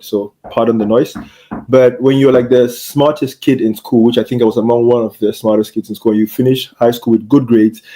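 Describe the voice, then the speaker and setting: A man's voice: mid-range voice, dark tone. A young man from Cameroon, a medical doctor, telling his story in an earnest, reflective way as an interview guest. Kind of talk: casual interview chat.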